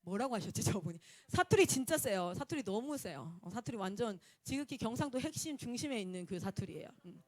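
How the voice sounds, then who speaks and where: A woman missionary, preaching a Sunday sermon and telling personal stories in a lively way. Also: on the high side, brisk, few pauses, dry recording, studio quality. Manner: animated, acts out quotes and laughs often.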